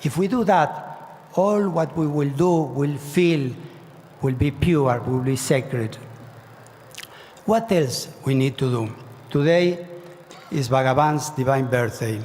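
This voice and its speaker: Speaking slowly and pausing often, this Argentine man has a medium-pitched, somewhat dark voice. At a spiritual gathering in a large hall, he delivers an earnest, exhorting devotional talk, pressing key phrases with fervent rising emphasis. Long hall reverb and a faint hiss or hum are audible.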